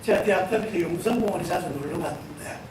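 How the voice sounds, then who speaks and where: A man's voice: sits high, fast talker. A middle-aged male pastor giving a Sunday sermon, telling stories and addressing the congregation directly. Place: church sanctuary. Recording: echoey church hall, voice from far off, room noise.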